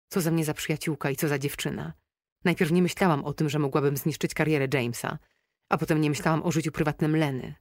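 Lady reading a first-person novel, calm even delivery, dry close mic. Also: low-pitched, dry recording. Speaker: audiobook narrator.

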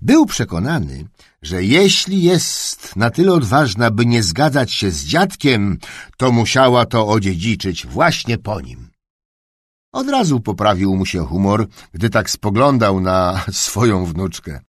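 Man, audiobook narrator, expressive storybook narration, wry, slow, wide pitch swings. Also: breathy edge, no echo, studio quality.

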